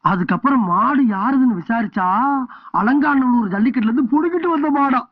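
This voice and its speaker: Whiny self-pitying village headman, highish voice, dry dull old film sound. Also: brisk, no echo. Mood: boastful. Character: bumbling vain village headman, middle-aged man.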